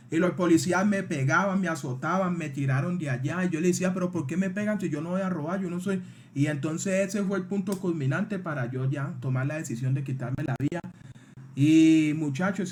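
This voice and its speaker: A man's voice: fairly high pitch, a little mellow, a little hiss or hum. A man in his twenties with a Colombian accent, a streamer earnestly telling his own life story and speaking straight to his listeners. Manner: earnest, heartfelt, often addressing the listeners directly. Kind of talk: personal life story told to a live audience.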